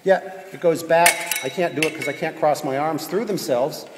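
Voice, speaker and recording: High-voiced male fencing coach, crisp commands, echoey hall. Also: normal speed. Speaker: fencing coach teaching a group lesson. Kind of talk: instructional demonstration with drill commands. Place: large reverberant indoor hall, recorded from a distance. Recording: echoey hall, distant mic, loud background noise.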